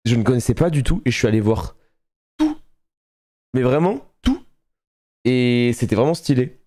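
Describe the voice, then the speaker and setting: A man streaming live, chatting casually and excitably with his viewers, laughing often and swearing casually. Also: medium pitch, normal speed.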